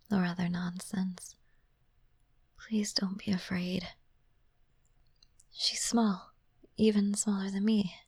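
A calm, caring young princess, played by a woman, speaks only in a soft, airy whisper. She takes her time over every phrase, unhurried and reassuring. The sound is intimate and dry, right up at the microphone. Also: medium pitch, husky, dry recording. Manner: slow, soothing, reassuring. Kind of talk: whispered ASMR roleplay.

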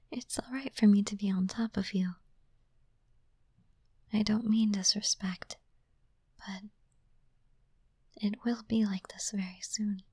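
A woman voicing a gentle, caring young princess and future queen, speaking in a slow, soothing whisper close to the microphone. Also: mid-range voice, fairly even intonation, slightly rough, dry recording. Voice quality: soft unvoiced whisper. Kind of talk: whispered ASMR roleplay.

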